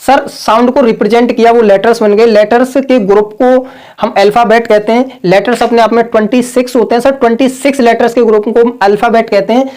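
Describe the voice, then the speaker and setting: A man's voice: extremely high pitch, fairly even intonation, a little fast, darkish tone. A man teaching an online grammar lesson. He repeats every point, drills the same lines, and keeps calling his listeners "sir" and "brother". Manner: over-pronounces the words he is correcting.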